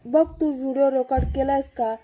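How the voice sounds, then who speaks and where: A calm, concerned young husband, read out by a woman, gently coaxing and questioning. The voice stays high and even, with a mellow, dark tone. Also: brisk, soft background music, close to an everyday voice.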